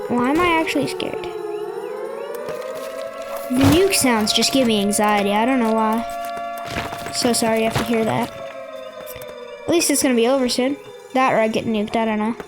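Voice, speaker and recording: A woman giving jumpy, excitable commentary over her own gameplay, often yelling at the game. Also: fairly high pitch, normal speed, pauses often, over music, low-quality recording. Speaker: gaming video creator.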